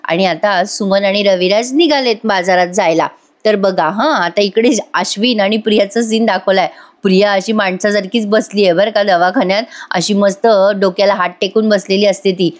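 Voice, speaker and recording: A woman's voice: mid-range voice, fairly even intonation, normal speed. A woman giving a chatty voice-over recap of a TV serial, talking straight to her viewers. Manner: chatty, addresses viewers directly. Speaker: serial reviewer. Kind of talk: casual voice-over episode recap.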